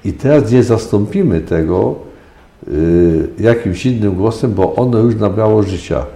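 Deep-voiced older man lecturing emphatically. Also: animated, a little slow, dark tone, echoey room. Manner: lecturing, emphatic, with frequent hesitations. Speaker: sexologist guest. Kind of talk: radio interview answers.

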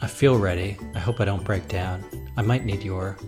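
A comedy co-host trading quick, playful quips during a news segment. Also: low voice, over music. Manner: quippy, playful asides. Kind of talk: comedic banter.

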